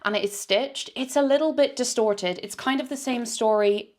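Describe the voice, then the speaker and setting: A young British woman from the UK, a fashion vlogger chatting candidly through a try-on haul review with quick asides. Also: a little high, darkish tone.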